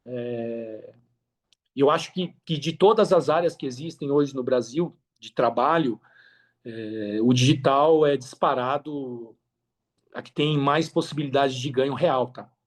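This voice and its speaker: A Brazilian man, a podcast guest, talks casually and earnestly in a mid-range voice at a measured pace. It's relaxed interview talk, with phrases repeated for emphasis.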